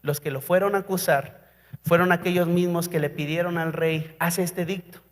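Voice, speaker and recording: A man's voice: a little high, fairly even intonation, normal speed. A Mexican man preaching a sermon as pastor, telling a story dramatically and putting questions to the congregation. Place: church. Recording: reverberant church hall.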